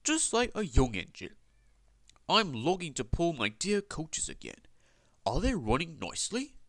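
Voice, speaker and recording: A man's voice: on the high side, wildly swooping pitch, a little slow, fairly bright tone, no room sound, voice pushed up, heavily acted. Skarloey, a man voicing a kindly old engine. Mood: excited. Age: older. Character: kindly old male engine, gentle and firm.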